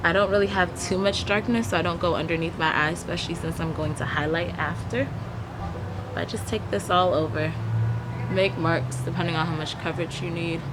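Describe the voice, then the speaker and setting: In a leafy garden out back, a young beauty vlogger explains her makeup routine one step at a time as she works, chatting easily to the camera. Her voice sits fairly low, her tone is steady, and she moves along briskly. Outdoor noise and traffic hum fill the background.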